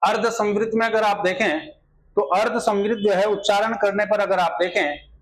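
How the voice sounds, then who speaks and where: High-voiced man teaching Hindi grammar. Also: steady tone, moderate pace, poor audio. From India. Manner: repetitive filler phrases, rhetorical questions to students. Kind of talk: exam-prep grammar lesson.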